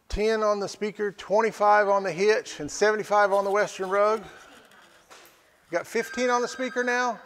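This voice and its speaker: A man's voice: high voice, vocal fry, a bit bright. A man calling a live-streamed auction in a casual, folksy way, repeating prices and phrases. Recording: echoey hall with long reverb.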